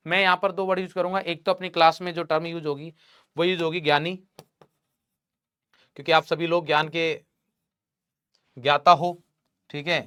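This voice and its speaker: Young man, chemistry teacher, playful teasing, online lecture, bright tone. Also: fairly high pitch, little pitch movement, normal speed, pauses often, clear, resonant tone, dry recording, studio quality. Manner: playful teasing, talks to students as "beta".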